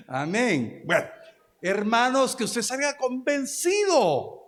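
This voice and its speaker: Guatemalan male pastor, high voice, exhorting sermon, reverberant church hall. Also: fairly bright tone. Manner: exhorting, calls for amens and agreement from the congregation. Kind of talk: preaching sermon.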